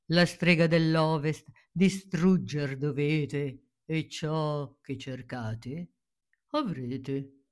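A woman voicing a solemn, mysterious male wizard who speaks in slow rhymes. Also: low-pitched, full character voice. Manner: slow, grave, rhyming pronouncements.

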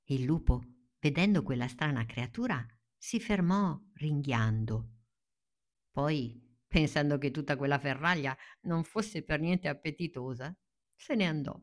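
A woman narrating a children's storybook in a gentle, soothing way. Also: low-pitched. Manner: gentle, soothing, dropping to a hush in tense moments.

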